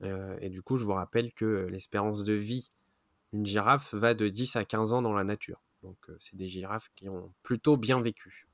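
A man's voice: on the low side, steady tone, moderate pace, fairly bright tone, dry recording. French guy doing zoo news on a podcast, lots of euhs and restarts, dry close sound. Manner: frequent hesitations and self-corrections. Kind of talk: casual news roundup.

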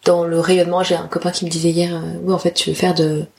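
A woman's voice: on the low side, flat delivery, quick pace, vocal fry, a little mellow. A woman of about thirty hosting a casual solo podcast, speaking candidly with slangy, self-deprecating asides and often searching for words. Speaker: podcast host, photographer.

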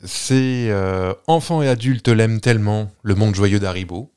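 Another male podcast host rambles playfully through a story in casual conversation, hesitating often. His voice sits on the low side, darkish yet clear and resonant, and he takes his time.

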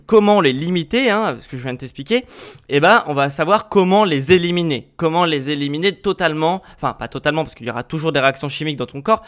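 A man hosting a podcast, explaining health and fitness casually to the listener, with many filler sounds, restarts and quick check-ins. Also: a little high, fairly bright tone. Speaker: podcast host.

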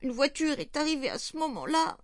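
A tearful young child pours out a frightened apology in a very high, pleading voice, played by a woman reading aloud. The delivery is upset and quick. The sound is close and dry. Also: very animated, no room sound. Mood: distraught.

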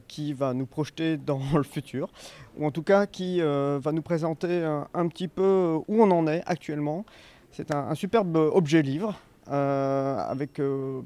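A man's voice: a little high, mellow, no echo. A man bookseller recommending a book, enthusiastic but hesitant.

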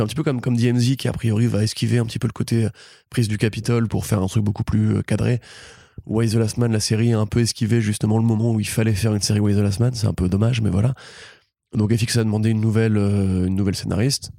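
A man co-hosting a casual pop-culture podcast, talking rapidly and joking while he runs through series news. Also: lowish voice, vocal fry, dark tone, no echo, clean studio sound. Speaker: podcast co-host.

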